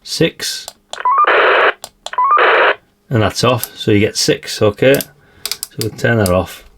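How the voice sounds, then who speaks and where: A man with a slightly croaky voice, chatting casually through a radio review and tossing in tag questions. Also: fairly low pitch, slow, very noisy. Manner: chatty, adds tag questions like "isn't it, really?". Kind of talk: casual product demonstration.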